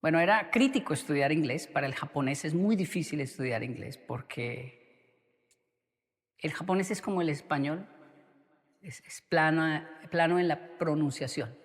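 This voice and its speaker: A man preaching a sermon, telling a story in an animated way. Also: a little high, normal speed, big-room sound. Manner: animated, acts out quotes. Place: church.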